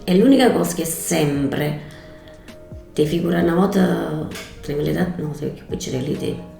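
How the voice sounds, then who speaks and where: Middle-aged female, Neapolitan accent, creaky voice, informal chat, roomy recording with light music. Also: deep voice, lively intonation, moderate pace, mellow. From Naples area, Italy. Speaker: mother of the vlogger, makeup model. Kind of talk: casual chat in dialect. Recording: roomy echo, music behind.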